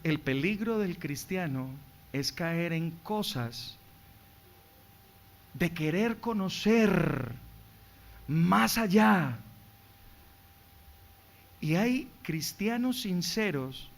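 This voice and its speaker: High-voiced pastor preaching. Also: male voice, lively intonation, very slow, creaky, pauses often. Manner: dynamic preaching, swings from quiet to loud; asks the congregation rhetorical questions. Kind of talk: sermon.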